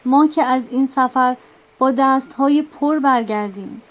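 A woman voicing a stern, commanding male ship captain who rallies his crew forcefully. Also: high voice, dull audio, close to an everyday voice. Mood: rousing. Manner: forceful, rousing, angry.

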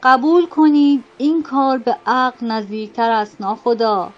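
A woman's voice: a little high, fairly even intonation, lo-fi sound, close to an everyday voice. Woman voicing a desperate, pleading sailor. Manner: urgent, pleading.

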